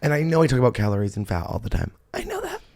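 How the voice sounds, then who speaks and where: A man's voice: medium pitch, huge pitch swings, racing, creaky, darkish tone. A man hosting a comedy podcast, chatting casually in a rambling, self-mocking way and laughing often. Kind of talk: casual chat.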